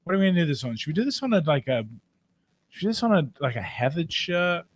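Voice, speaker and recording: A man's voice: a little high, sing-song. A man who whistles slightly on s sounds through a gap in his teeth, bantering casually and stumbling back over his words as a podcast co-host. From Britain. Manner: halting, repeats words and restarts sentences, swears freely.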